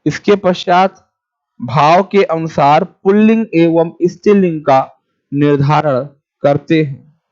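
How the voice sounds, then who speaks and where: Male online teacher, higher voice, slow dictation with repeats, casual asides to viewers, muffled sound. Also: a little mellow. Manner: chats with viewers' comments. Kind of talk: live-streamed exam class. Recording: dull lo-fi sound.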